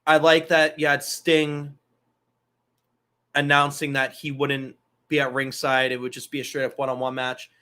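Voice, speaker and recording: A man's voice: mid-range voice, monotone, moderate pace, pushed and bright, clear, resonant tone. A man hosting a casual wrestling talk show, loose and profane, rambling through asides. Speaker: podcast host.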